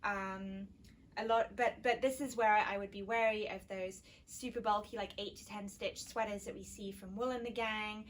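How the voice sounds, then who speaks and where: A woman's voice: mid-range voice, fairly even intonation, moderate pace. A woman co-hosting a knitting podcast, explaining practical yarn tips in casual chat. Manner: practical, explanatory, warm agreement. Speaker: podcast co-host, yarn shop owner.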